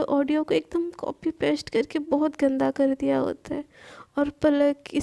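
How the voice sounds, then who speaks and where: A woman's voice: sits high, creaky, warm tone. A woman narrating a serialized love story in a casual, rambling way, often correcting herself. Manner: rambling, self-correcting retelling.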